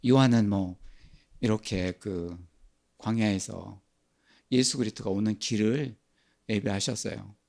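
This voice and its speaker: A man's voice: lowish voice, unhurried, creaky, long pauses, darkish tone. An older man preaching a sermon as pastor, asking and answering his own questions.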